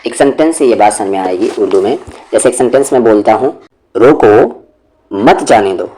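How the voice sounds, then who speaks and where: A man teaching Quran recitation rules, explaining patiently step by step and reciting verses slowly and melodically. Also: fairly low pitch, mellow. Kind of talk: explanatory tajweed lesson with recited examples.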